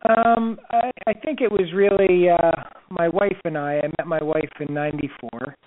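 A man from Brooklyn, a guest calling in to a talk show, speaking in an easygoing, slightly halting way. His call comes through a bad line that makes him sound rippling and underwater. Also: on the high side, fairly even intonation. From Brooklyn, New York. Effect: warbling, underwater-sounding phone line. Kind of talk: phone-in interview.

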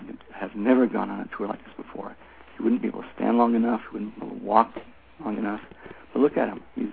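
A man's voice: lowish voice, creaky. An older man telling stories conversationally as an interviewed instructor, with an emphatic way of repeating phrases, heard over a phone line. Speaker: Tai Chi instructor, interview guest. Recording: tinny phone line with faint noise.

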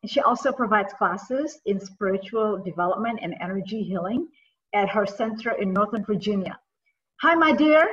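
A woman hosts a talk show, effusive and encouraging as she greets and questions her guest. Her voice is bright and a bit high. She sounds set back from the mic on a dull, lo-fi recording. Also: animated, normal speed, distant mic. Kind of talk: interview hosting.

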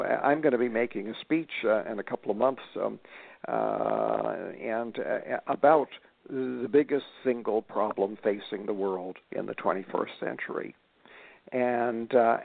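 A man's voice: mid-range voice, gravelly, no room sound. A man in his seventies, a guest author talking in an interview, emphatic, with many fillers and restarts. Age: 70s. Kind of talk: casual interview talk. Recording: tinny phone line.

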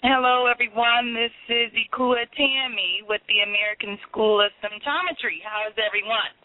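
A woman calling in to a radio show over a phone line, speaking earnestly and encouragingly, with frequent pauses on "um". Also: on the high side, steady tone, no room sound. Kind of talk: promotional call-in pitch. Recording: tinny phone-line call.

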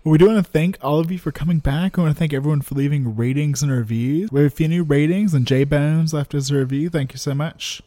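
Man, podcast co-host, playful storyteller, mellow dark tone, dry close sound. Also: on the high side, quick pace, hardly any pauses, dry recording. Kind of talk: casual chat.

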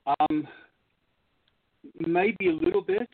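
Man on a garbled low-quality call stream. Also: wildly swooping pitch, takes it slowly, breathy edge, no room sound. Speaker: guest caller. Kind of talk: casual chat on an internet radio show. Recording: tinny garbled phone-line stream.

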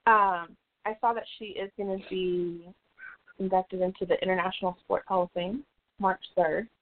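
A woman's voice: fairly low pitch, steady tone, normal speed. A woman co-hosting a casual fight-sports talk show, laughing often and talking loosely with fillers and swearing. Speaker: podcast co-host. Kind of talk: casual chat. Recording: tinny phone-like audio.

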